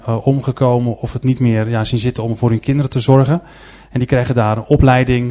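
A man speaks to a gathered audience in a church-style presentation, talking through pictures on a screen. He tells his stories earnestly, at a middle pitch, and often pauses on hesitant filler sounds. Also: a little mellow. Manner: earnest storytelling.

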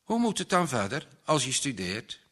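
A man's voice: mid-range voice, sing-song, normal speed, a bit bright. A man voicing a sincere young man in a spoken story, with an eager, questioning manner and a slightly raised voice. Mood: earnest. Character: searching, sincere young man, easily stirred.

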